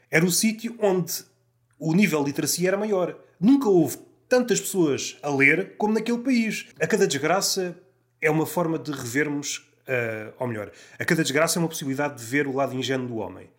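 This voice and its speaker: A man with a European Portuguese accent talks with a slightly raised pitch, reflective and measured. He builds his points carefully in a casual podcast conversation. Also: lively intonation. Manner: reflective, measured, fond of quotations.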